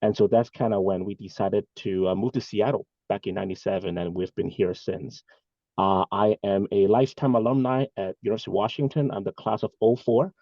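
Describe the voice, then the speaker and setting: A man's voice: on the low side, no room sound, dull audio. A man, giving earnest, rambling answers as an interview guest over a video call. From Hong Kong. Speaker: guest, bank executive. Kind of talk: casual interview talk.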